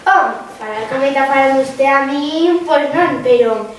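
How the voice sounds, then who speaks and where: A woman's voice: high-pitched, unhurried. Earnest rural woman, played on stage, Asturian accent, comic interview, far from the mic with faint noise. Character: earnest, easily hurt countrywoman explaining farm matters. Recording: very echoey hall, distant, faint noise.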